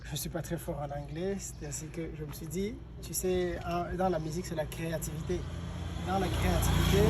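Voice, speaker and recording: A man's voice: sits high, heavy background noise. A man from South Kivu, answering interview questions hesitantly with many fillers. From DR Congo, South Kivu. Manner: hesitant, frequent fillers and restarts. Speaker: karate teacher and singer being interviewed.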